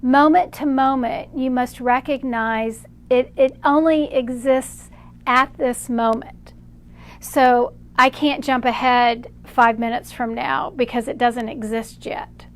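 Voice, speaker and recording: A woman with a slightly high voice delivers channeled spiritual guidance. She talks slowly and deliberately, pausing between phrases. She refers to herself as "we" while she relays it. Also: steady tone. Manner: slow, measured, speaks as "we" for unseen guides.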